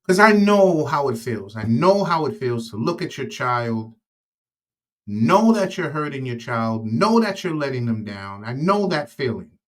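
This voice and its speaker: A man hosting a casual recovery talk, earnest and halting, with many fillers and restarts, getting louder on the words he stresses. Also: mid-range voice, very animated. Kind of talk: casual monologue.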